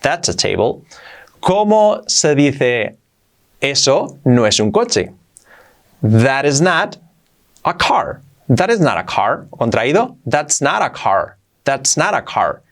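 A man from Spain teaching English to beginners in a video lesson, explaining in Spanish and slowly repeating the English examples and sounds. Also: medium pitch, big pitch swings.

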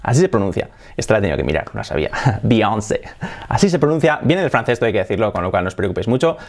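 A man's voice: fairly low pitch, very animated, rapid-fire. A man from Spain with a Spanish accent, teaching English pronunciation in a casual, playful video lesson. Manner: laughs often.

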